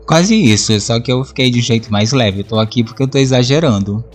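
Man, podcast host, casual monologue, animated storytelling, mid-pitched voice. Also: brisk. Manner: lively storyteller who acts out his own reactions; swears casually. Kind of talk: casual monologue about favorite songs.

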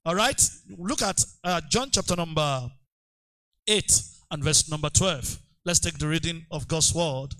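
A male preacher giving an excitable sermon, leading the congregation in call-and-response declarations. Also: a little high, a little slow, rough recording. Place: church service.

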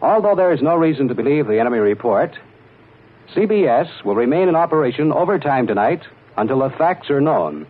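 A man reading a formal wartime news bulletin in a measured announcer's delivery, heard as an old 1940s radio broadcast played from the archive. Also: mid-range voice, big pitch swings. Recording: tinny narrow-band archival radio recording.

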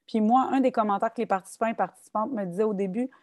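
Speaking rapid-fire in a medium-pitched voice, a woman with a Québécois French accent discusses poetry as a guest author in a relaxed interview. The studio recording has no echo, and her reflective, lively speech is full of restarts and fillers.

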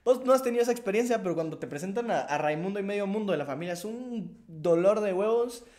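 A man's voice: sits high, expressive, fast talker, darkish tone. A man co-hosting a podcast, telling stories and joking in casual banter. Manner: laughing, storytelling banter. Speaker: podcast co-host. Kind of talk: casual chat.

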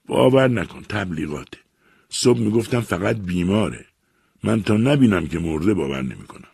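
A man's voice: low-pitched, expressive, gravelly, a little mellow, slightly rough, no room sound, studio quality, exaggerated voice. A man putting on a fussy, gloomy older aunt. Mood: doubtful. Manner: fussy, complaining. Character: heavy, gloomy older aunt, nagging mother.

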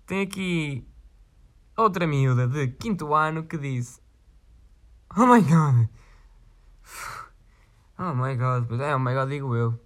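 A man's voice: mid-range voice, measured pace, fairly bright tone. A man with a European Portuguese accent, chatting casually in a vlog and reading out viewer requests in a rambling, slangy way with frequent swearing. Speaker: vlogger.

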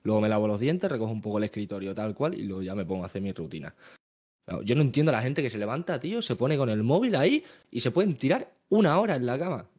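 Young Spanish streamer, casual chat, animated, repeats himself, mid pitch. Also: male voice, fast. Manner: animated, repetitive, restarts often. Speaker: streamer and podcast co-host.

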